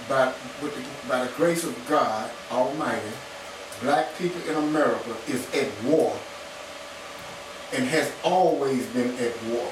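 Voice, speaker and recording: A man on a radio panel giving opinions emphatically, repeating phrases for stress. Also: mid-range voice. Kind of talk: opinionated political discussion. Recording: very echoey, distant, noisy radio.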